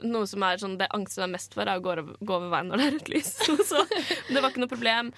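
A woman's voice: medium pitch, a bit bright, dry recording. A young woman in her twenties hosting a radio show, telling candid, self-mocking stories in casual chat. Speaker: radio host. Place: radio studio.

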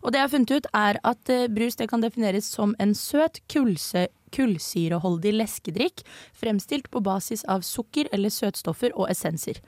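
A woman's voice: mid-range voice, a little mellow, dry recording. A young woman from Norway co-hosts a casual student radio show. She explains at length, hesitating and correcting herself as she goes, and her voice sits in the middle of the range. The studio sound is dry and close. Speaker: co-host presenting research.

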